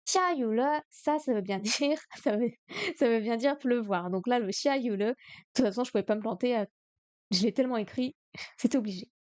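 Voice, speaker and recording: A woman's voice: a little high, normal speed, darkish tone, no room sound. A woman streaming a live study session, thinking aloud hesitantly with many fillers. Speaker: streamer learning Chinese.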